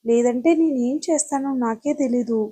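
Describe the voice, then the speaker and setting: A woman voicing an angry young man who sharply scolds and shouts at his cousin in an audio story. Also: fairly high pitch, moderate pace, slightly rough.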